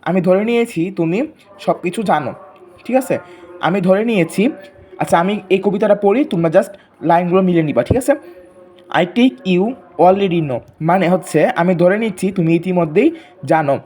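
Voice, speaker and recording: A teacher from Bangladesh giving a video class, reading English lines very slowly and then explaining each one, with frequent check-in questions. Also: medium pitch, a little mellow. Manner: checks in often with a rising question.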